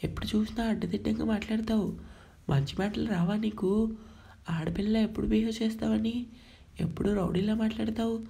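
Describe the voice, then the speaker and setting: Woman doing a bossy hot-headed young guy in a story, gravelly low-key voice. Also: steady tone, fairly quick, mellow. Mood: angry. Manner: scolding, bossy. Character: stern young man, short-tempered and protective.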